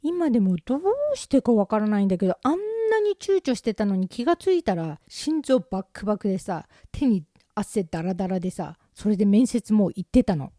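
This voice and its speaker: Woman, chatty storyteller, self-mocking, mellow voice, dry close sound. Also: medium pitch, sing-song, fairly quick, few pauses, no echo. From Japan. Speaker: vlogger. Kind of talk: casual storytelling.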